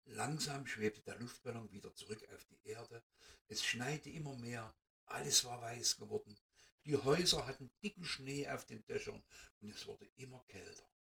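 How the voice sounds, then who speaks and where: A man reading a children's story aloud in an expressive, animated way, recorded from a distance. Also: mid-range voice, creaky.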